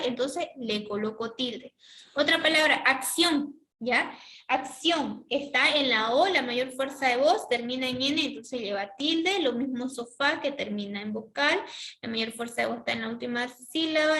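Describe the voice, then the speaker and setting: A woman teacher giving a classroom lesson, explaining step by step, repeating key words and checking in with a quick "¿ya?". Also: high voice, a bit bright, slight background noise.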